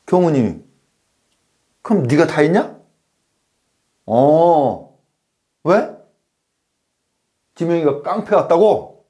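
A man's voice: on the high side, warm tone. A man acting as a schoolteacher in a comedy class, scolding pupils and firing off rhetorical questions. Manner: scolding, rhetorical, keeps asking "어?". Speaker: comic playing a schoolteacher.

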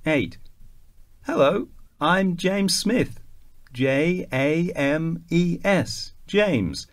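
A man reading a self-introduction for a listening exercise, spelling out his name clearly. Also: a little high, expressive. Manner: slow, clearly enunciated, spells out names. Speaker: exam recording reader.

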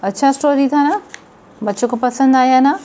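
A woman teacher explaining a children's story in a slow, patient way, often checking in with her pupils. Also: high voice, warm tone, highs cut off. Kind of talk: textbook lesson explained in Hindi with English read-aloud.

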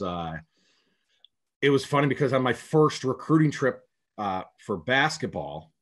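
A man's voice: medium pitch, fairly bright tone. A man from upstate New York, a basketball coach, answering interview questions over a video call in a rambling, storytelling way with many restarts. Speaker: head prep basketball coach, guest.

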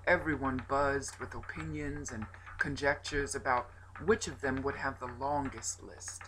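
A woman storyteller telling a folk tale in a slow, expressive performance that sometimes drops to a whisper. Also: a bass voice, slight background noise, rough recording. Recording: added nature ambience.

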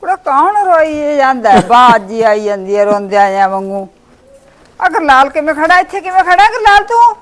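A woman's voice: high-pitched, sing-song, brisk. A woman playing a worried, protective old village mother who scolds and mutters in a family short drama. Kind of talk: family short-video acting.

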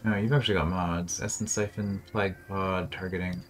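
A man's voice: low-pitched, fairly even intonation, brisk, noisy background. A man casually commenting on a strategy game as he plays, thinking aloud with dry sarcasm. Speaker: gameplay commentator. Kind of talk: casual let's-play commentary.

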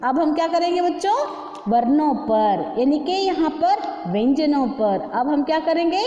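A woman's voice: high-pitched, expressive, unhurried, warm tone, big-room sound, muffled recording. A woman teacher giving a patient Hindi lesson to young children, asking the class questions and repeating each point. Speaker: primary school teacher.

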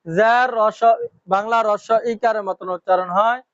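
A man teaching Quran reading in a slow classroom lesson with a Comilla Bengali accent, drilling pupils with repeated questions and answers. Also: sits high, steady tone, a bit bright, no room sound, highs cut off.

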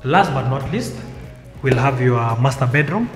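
A young man from Kenya walks through an empty apartment and shows it off room by room. His voice rings off the bare walls with a long, echoing tail. Loud music plays underneath him. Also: medium pitch, lively intonation, moderate pace. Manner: guiding, pointing out features as he walks. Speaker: house tour vlogger. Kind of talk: walking house tour guide. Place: empty apartment rooms, indoors. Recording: echoey empty rooms with music. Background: music bed under the voice.

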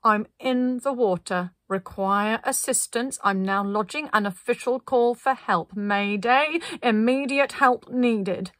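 A woman voicing a bossy, officious woman who leads a group, giving flat, businesslike commands loudly and slowly. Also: a little high, no echo, clean studio sound.

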